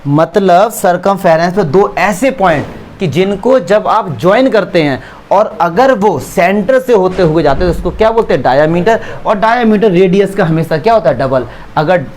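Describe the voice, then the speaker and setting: A man's voice: sits high, expressive, normal speed, darkish tone, a little hiss or hum. A man teaching a maths class, asking questions and answering them himself, joking with his students in the classroom. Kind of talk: classroom lecture.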